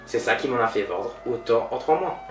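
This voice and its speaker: A man's voice: medium pitch, brisk, natural voice. A man playing a pompous, bragging billionaire in a comedy sketch interview. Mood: boastful. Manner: bragging, self-satisfied, lively storytelling. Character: boastful, pompous male billionaire entrepreneur. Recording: roomy, distant mic, faint music.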